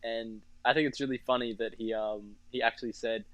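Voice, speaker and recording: A young Englishman in casual podcast banter, delivering dry, deadpan quips. His voice is bright and forward at an average pitch. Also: fairly quick, muffled recording. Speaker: podcast co-host. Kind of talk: casual chat.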